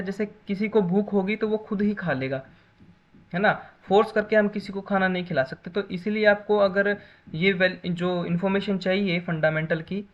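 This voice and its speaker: High-voiced man teaching a computer lesson. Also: muffled recording. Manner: explains with examples, repeats "है ना" often. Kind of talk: classroom lecture.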